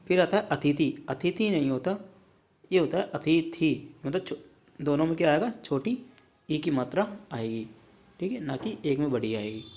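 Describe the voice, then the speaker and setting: Man drilling Hindi spellings, slightly high voice. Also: expressive, creaky, a little mellow. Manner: repetitive drilling, checks in with "ठीक है" often; contrasts the wrong form with the right one, pausing mid-word. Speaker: Hindi teacher. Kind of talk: spelling lesson for exam prep.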